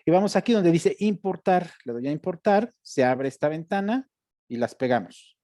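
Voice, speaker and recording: A man's voice: on the high side, expressive, normal speed, mellow, no room sound, studio quality. A man, teaching a step-by-step screen-share lesson and checking in with his students as he goes. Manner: explanatory, addressing students directly with check-in questions. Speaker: instructor. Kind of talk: screen-share tutorial lecture.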